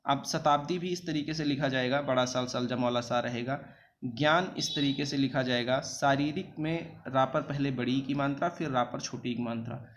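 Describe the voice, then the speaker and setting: Patient spelling teacher, man. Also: medium pitch. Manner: patient, repeats each word slowly and spells it out. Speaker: exam coaching teacher. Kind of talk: spelling lesson over written slides.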